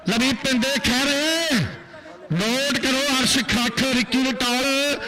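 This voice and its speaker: A man's voice: very high voice, slow, sharp tone. A man with a Punjabi accent doing live commentary and public announcements at a kabaddi match. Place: outdoor kabaddi tournament ground. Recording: echoing outdoor PA system.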